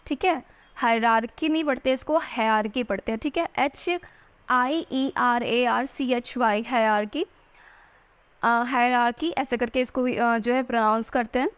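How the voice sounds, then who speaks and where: High-voiced woman teaching spelling. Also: clear, resonant tone. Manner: spells words out letter by letter, slowly; frequent "theek hai" check-ins. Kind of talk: exam-prep spelling lesson.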